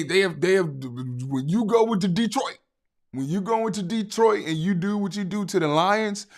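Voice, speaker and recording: A man hosting a live sports talk stream, reading viewer comments in an animated way and often asking "right?". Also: high-pitched.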